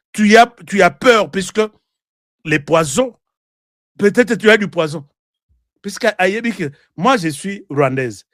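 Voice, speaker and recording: This high-voiced man with a Congolese accent is captured in a dry, studio-quality recording as he gives fiery political commentary alongside played clips. Moving between French and Lingala, he drives his arguments home through repetition and rhetorical questions.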